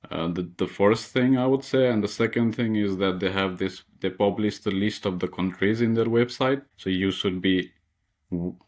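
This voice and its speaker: A man's voice: on the low side, normal speed, darkish tone. A young man from Nepal, a master's student being interviewed, who speaks hesitantly with lots of fillers. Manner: hesitant, many fillers and restarts.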